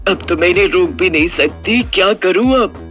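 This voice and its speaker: A woman voicing a worried mother who has become a witch spirit, speaking low and fretfully. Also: expressive, moderate pace, a bit bright, faint music behind. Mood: anxious. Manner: low, fretful, scolding muttering. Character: worried widowed mother turned ghostly witch.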